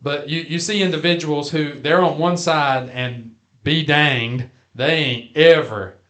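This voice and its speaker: A man's voice: fairly high pitch, fairly even intonation, a little slow, a bit bright. A man co-hosting a podcast in casual chat, folksy and jokey, sometimes drawing out his phrases. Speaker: podcast co-host.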